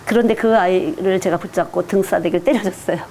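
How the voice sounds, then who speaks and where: A woman's voice: lowish voice, fast, dark tone, a little hiss or hum. A woman who is a children's missionary, giving a teacher-training lecture in an earnest, direct, conversational preaching manner.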